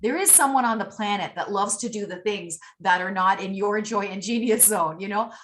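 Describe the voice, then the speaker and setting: A woman of medium pitch and fairly bright tone speaks at a moderate pace, an upbeat, effusive guest on a podcast joining by remote call. Italian is her first language; she was born in Italy but grew up in Canada from early childhood, and she offers motivational talk in a casual interview.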